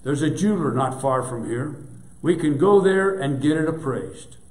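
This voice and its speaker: A man's voice: on the high side, lively intonation, normal speed, a little mellow, close to an everyday voice. A man voicing an earnest, humble woman on a mission as he tells a story in a sermon. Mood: pleading. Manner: earnest, pleading. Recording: echoey church room.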